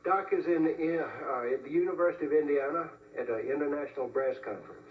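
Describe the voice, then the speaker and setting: Male sidekick, slightly high voice, casual banter, off-mic in a roomy studio. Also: fast talker. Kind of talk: short casual on-stage banter. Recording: roomy, muffled TV broadcast, distant mic.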